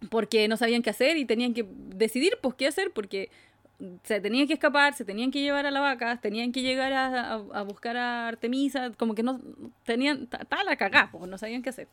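Chilean woman, high voice, dry sound. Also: dry recording. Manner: animated retelling with slangy asides and frequent laughter. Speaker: podcast host. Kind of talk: casual chat.

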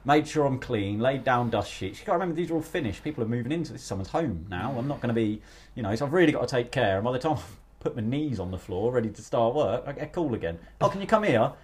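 A man's voice: medium pitch, animated, quick pace, darkish tone, slightly rough. A young man hosting a casual podcast chat, rambling through stories and swearing freely. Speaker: podcast host.

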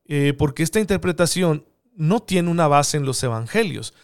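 A man's voice: fairly high pitch, lively intonation, normal speed. A man giving an earnest theological teaching talk, often asking rhetorical questions. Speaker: preacher.

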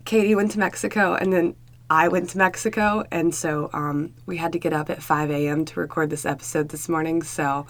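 Low-voiced woman with a sick voice. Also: steady tone, brisk. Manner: chatty, candid, many fillers. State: sick, hoarse voice. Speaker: podcast co-host. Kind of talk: casual chat.

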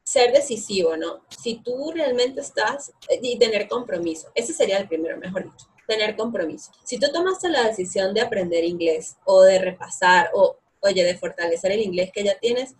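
Husky young woman, chatty. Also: medium pitch, normal speed, few pauses. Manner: chatty, animated, many fillers. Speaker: guest, English course co-founder. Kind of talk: casual interview answers.

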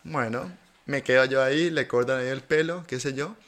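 A man's voice: mid-range voice, moderate pace. Man telling anecdotes as a podcast guest. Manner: animated storyteller, laughs often. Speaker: guest, German teacher. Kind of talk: casual conversation, anecdotes.

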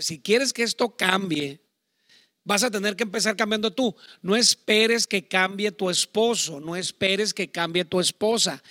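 A middle-aged man with a Mexican accent preaching a sermon on marriage, talking loudly in a chatty, digressive way with asides. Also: high-pitched, no room sound, clean studio sound. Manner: loud, self-admittedly talks shouting. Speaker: pastor. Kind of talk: sermon on marriage to online viewers.

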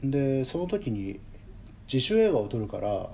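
Dark-voiced thoughtful Japanese-speaking man. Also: medium pitch, very animated, creaky. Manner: thoughtful, measured, lots of hedging fillers. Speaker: guest musician. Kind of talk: reflective conversational interview.

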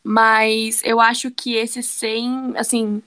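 A woman's voice: fairly high pitch, level tone, slow pace, bright, forceful tone, clear, resonant tone. A woman with a Brazilian accent, a guest giving opinions in a casual sports podcast chat.

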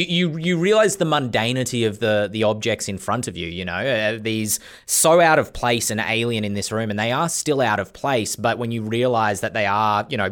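A man narrating a tabletop game as its game master, often pausing as he searches for words. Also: mid-range voice, fairly bright tone. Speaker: game master and podcast host.

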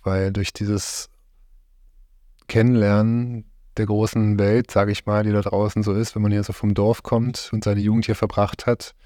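A middle-aged German man, interviewed as a farm host, talks in a relaxed conversation at normal speed. His voice is low, flat, and mellow, and he hesitates often, searching for words. The recording is close and dry, with no echo.

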